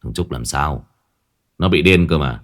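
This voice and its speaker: A man's voice: very deep voice, expressive, unhurried, pitched below the performer's own voice. A man voicing a drunk, foul-mouthed, bitter deadbeat husband with a slurred, grumbling voice. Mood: drunken grumbling.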